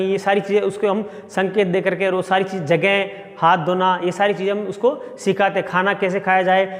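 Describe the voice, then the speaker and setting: A middle-aged male sociology professor giving a classroom lecture and explaining step by step with everyday examples. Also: high voice. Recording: long reverb.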